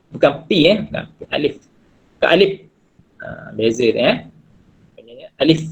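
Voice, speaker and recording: A man with a Malaysian Malay accent teaching an online class on Quran recitation, patiently repeating each letter slowly to show its sound. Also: mid-range voice, slightly rough. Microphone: video call. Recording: dull lo-fi video call audio.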